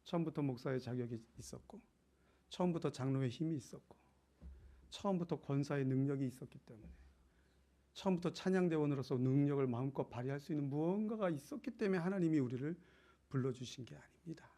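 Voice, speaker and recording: High-voiced preaching man, fervent. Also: fast. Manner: swings from loud exclamations to quiet anecdote. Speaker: pastor. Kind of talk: sermon.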